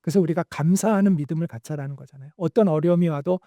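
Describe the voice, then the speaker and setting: Male pastor, high voice, dry close sound, lively sermon storyteller. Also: racing, no room sound, lo-fi sound. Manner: animated storytelling, acting out quoted lines.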